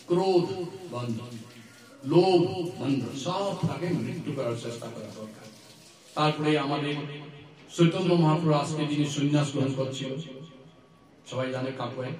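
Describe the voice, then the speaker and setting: A man preaching a sermon to a congregation and leading chanted call-and-response. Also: a little high. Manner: leads loud chanted call-and-response, jokes with audience. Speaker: Vaishnav preacher. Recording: echoey hall, distant mic, crowd.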